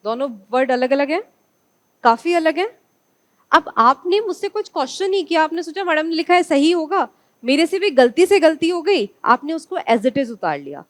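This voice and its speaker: A woman's voice: high-pitched, no echo. A woman from India teaching an online exam-prep class, asking her students questions and answering them herself.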